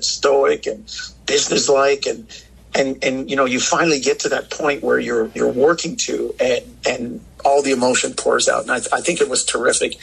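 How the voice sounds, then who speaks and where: A man phoning in to a sports radio show, speaking in a bright, forceful tone. His voice is gravelly and husky, and he circles back and restarts his sentences as he talks his way through basketball. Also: mid-range voice, poor audio. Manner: talkative, many restarts and fillers. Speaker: radio guest, basketball analyst. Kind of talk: phone-in sports radio interview. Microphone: phone line.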